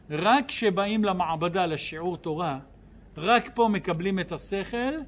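A man with a high, bright voice delivers a religious lecture to an audience in a hall. He speaks in the manner of a lively storyteller, swooping up and down in pitch and putting questions to his listeners. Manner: lively storyteller who acts out dialogue in his stories; addresses the audience directly with questions. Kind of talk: Torah lecture with humorous stories.

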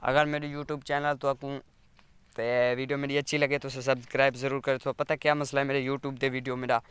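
A man with a Saraiki accent chats as he walks his fields and films on a phone. His voice is bright and very clear, and he keeps an even, level tone. The close sound is dry, with no room echo. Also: medium pitch, fairly quick. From Pakistan. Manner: rambling, chatty, keeps asking viewers to subscribe. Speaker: village vlogger. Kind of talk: casual walking vlog. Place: outdoors among farm fields. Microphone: phone camera.

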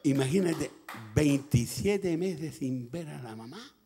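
A male pastor with a Chilean Spanish accent preaching a sermon through a personal story, going from hushed telling to loud shouting. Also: a little high, expressive, slow pace.

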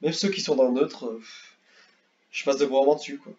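A man's voice: mid-range voice, a little fast. Young guy rambling through a game tier list, repeats stuff a lot, muffled lo-fi mic. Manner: rambling, repeats words, excitable bursts. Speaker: gaming youtuber. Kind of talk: casual tier-list commentary.

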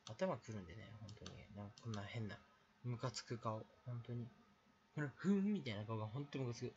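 A man's voice: medium pitch, fairly quick, darkish tone, muffled recording, a little hiss or hum. A man ranting bluntly and crudely in a late-night solo chat, talking alone to the mic in bursts. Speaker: aspiring game streamer.

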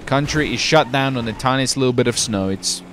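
Young UK man, game streamer, chatty rambler, mid-pitched, faint background noise. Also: a little fast, a bit bright. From United Kingdom. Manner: rambling, chatty, says dude often. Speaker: roleplay streamer. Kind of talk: casual in-game chat.

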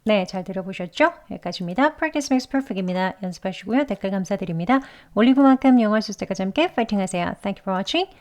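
A woman's voice: mid-range voice, animated, fast, hardly any pauses. A woman teaching English pronunciation, carefully repeating words and example sentences syllable by syllable. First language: Korean. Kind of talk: pronunciation lesson.

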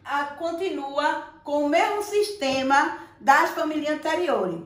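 A Brazilian woman teacher giving a playful, affectionate lesson to young children. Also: high-pitched. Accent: Brazilian Portuguese. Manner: playful, affectionate, sing-song teacher talk. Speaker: primary school teacher. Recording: echoey room, voice a bit far from the mic.

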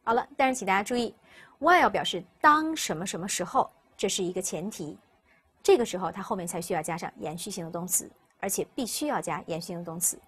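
Husky-voiced woman teaching vocabulary. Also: mid-range voice, expressive, fast talker, a bit bright. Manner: explaining step by step, repeating words for students to follow. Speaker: English teacher. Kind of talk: recorded vocabulary lesson.

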